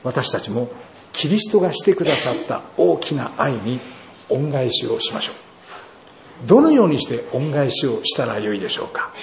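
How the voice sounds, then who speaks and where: Male pastor, sermon delivery, lively pitch movement, faint room ambience. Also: a little hiss or hum. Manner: measured preaching, rhetorical questions. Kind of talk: sermon with scripture reading. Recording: roomy echo, faint ambience.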